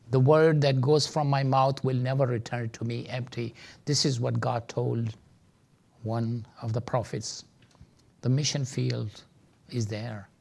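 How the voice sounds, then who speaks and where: A man with a Pakistani accent teaching a seminar like a preacher, earnest and emphatic. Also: medium pitch. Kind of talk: teaching seminar with sermon-like exhortation.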